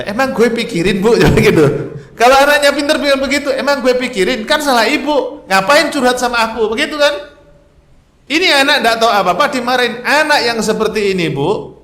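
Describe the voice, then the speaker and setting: A man preaching on parenting at a mosque, lively, acting out parents and children and asking the congregation questions. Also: high voice. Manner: lively, acts out parents and children in quoted voices, asks the audience questions. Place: mosque hall. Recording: echoey mosque hall.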